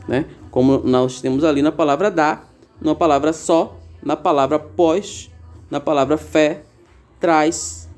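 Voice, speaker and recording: A man's voice: on the high side, a little mellow. A man teaching a grammar lesson, explaining patiently and drawing out example words, with frequent fillers. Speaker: Portuguese teacher.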